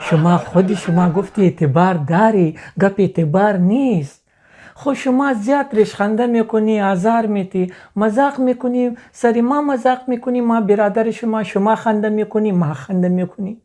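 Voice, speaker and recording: A man's voice: high voice, mellow, close to an everyday voice. A man playing a touchy Pashtun man with a Pashto accent. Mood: insistent. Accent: Pashto-accented Dari. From Afghanistan. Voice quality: broken grammar. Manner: pleading, insistent, easily offended. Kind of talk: comedy sketch. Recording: noisy home recording.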